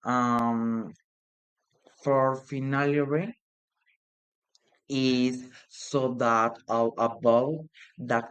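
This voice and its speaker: A man talks through an English grammar lesson at a very slow, deliberate pace. His delivery is halting and hesitant, full of restarts and pauses, and his voice sits at an ordinary middle pitch. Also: fairly bright tone, smooth, rough recording. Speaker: student presenting a grammar lesson. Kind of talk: read-aloud classroom presentation.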